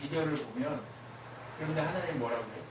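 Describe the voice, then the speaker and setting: A man preaches with a high, lively voice, quizzing the congregation and acting out the words of people he quotes. The sound is distant, and it echoes heavily around a church hall. Steady noise sits underneath. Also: brisk. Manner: asks the congregation frequent questions, acts out quoted voices. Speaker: pastor. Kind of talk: sermon. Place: church sanctuary.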